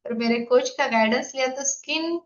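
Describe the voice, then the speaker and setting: Woman in her fifties, high-pitched, health coach, explanatory online talk, roomy lo-fi sound. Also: normal speed. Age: 50s. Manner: explanatory, asks the audience questions. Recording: echoey, dull lo-fi room sound.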